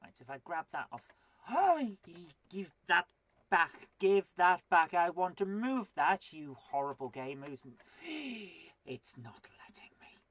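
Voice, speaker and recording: A woman of forty with a cold hosts a live retro gaming stream in a lowish, sing-song voice, taking her time. She chats to viewers and mutters to herself as she plays, chatty and self-deprecating, with no room sound.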